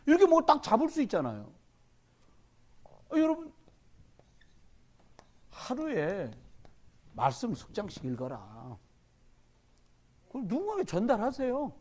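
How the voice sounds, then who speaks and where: A man delivers a sermon at a midweek church service with a high voice that swoops across a wide range. He presses the congregation with loud urging lines, then drops into low, quiet asides and plays out the voices of church members. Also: huge pitch swings, unhurried, long pauses. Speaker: pastor. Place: church during a Wednesday service.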